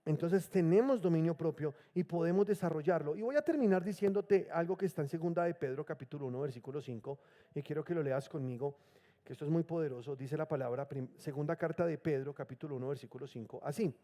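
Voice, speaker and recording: High-voiced pastor preaching a sermon. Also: male voice, dark tone. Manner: calls on the congregation to repeat words; reads scripture slowly and emphatically.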